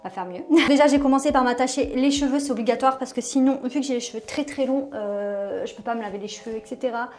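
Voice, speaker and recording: A young woman in her twenties vlogging her morning and skincare routine in a casual, chatty way, with many fillers and phrases that trail off softly. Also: on the high side, fast, few pauses, faint music behind. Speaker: beauty vlogger. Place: small echoey bathroom at home.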